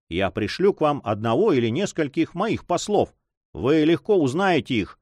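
A man's voice: fairly high pitch, no echo, studio quality, lightly acted. A man voicing a secretive young man in love in his own voice, earnest, reassuring and insistent.

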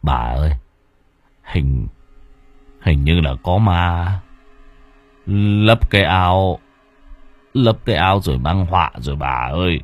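A man's voice: low voice, animated, takes it slowly, long pauses, no room sound, voice pushed down, heavily acted. A man voicing a timid elderly village husband who stammers fearfully in a storybook reading.

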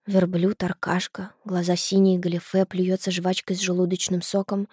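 A woman's voice: on the low side, little pitch movement, normal speed, mellow, breathy edge, dry recording. Woman narrating an audiobook, dry close sound.

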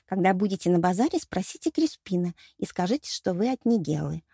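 A chatty, coquettish young mermaid waitress from a fantasy audiobook, put on by a woman narrator. Her voice sits high and lilting, with a mellow, warm tone. It is recorded dry and close. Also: sing-song, brisk, gravelly, husky, dry recording, exaggerated voice. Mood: confiding. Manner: coquettish, confiding.

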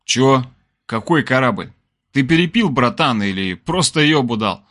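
A man voicing a rowdy young male bassist who talks crudely and flares up with curses. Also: animated, unhurried, fairly bright tone. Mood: brash. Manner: crude, brash, swearing.

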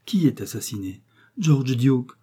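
A man reading a novel aloud, voicing a motherly innkeeper's wife who speaks softly and tenderly. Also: mid-range voice, expressive, measured pace, slightly rough. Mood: soothing. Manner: soft, soothing, tender.

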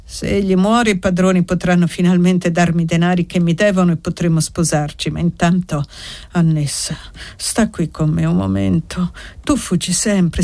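A woman's voice: on the low side, darkish tone, close to an everyday voice. A woman reading a novel aloud, voicing a pushy, lovesick young male servant who pleads and insists.

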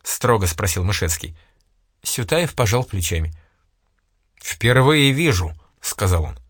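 A man's voice: deep voice, animated, normal speed, slightly rough, no room sound, studio quality. A man reading a novel aloud with dramatic storytelling. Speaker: audiobook narrator. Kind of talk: expressive literary narration.

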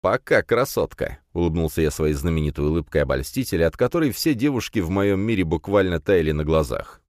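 A man reading a fantasy novel aloud in an even, measured narration. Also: deep voice, no echo, studio quality. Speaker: audiobook narrator. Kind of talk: scripted fiction narration.

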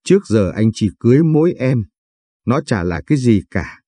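A man's voice: mid-range voice, sing-song, moderate pace, warm tone, slightly rough, no echo, studio quality. A man doing a coarse, bullying young husband. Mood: contemptuous. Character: brash, menacing young husband from the countryside.

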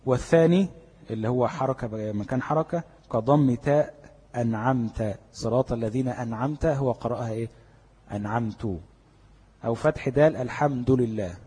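A husky, breathy-voiced man with an Egyptian Arabic accent gives a tajweed lesson, posing questions and then answering them himself. His mellow, dark voice rings out with a long reverb, as if in a large hall. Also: mid-range voice. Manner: explains step by step, asking and answering his own questions. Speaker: Quran recitation teacher. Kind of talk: classroom lecture on tajweed.

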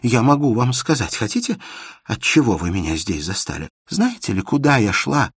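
A man reading the part of an earnest, loving young woman in an audiobook, lifting his voice higher and pleading. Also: moderate pace, husky, no room sound, clean studio sound. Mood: daring.

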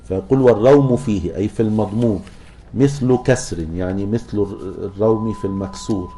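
Deep-voiced man teaching a class. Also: mellow, a little hiss or hum. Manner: asks the class questions, chants verses slowly, hesitant restarts. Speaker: teacher of Quran recitation. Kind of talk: classroom lecture explaining a poem.

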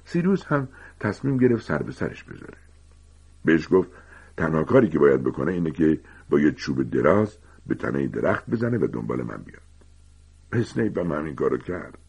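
A man voicing a gentle, weary grown male teacher who calmly confides old secrets in a storybook reading. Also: a bass voice, creaky, slightly rough, exaggerated voice. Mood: confiding. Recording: dull lo-fi recording.

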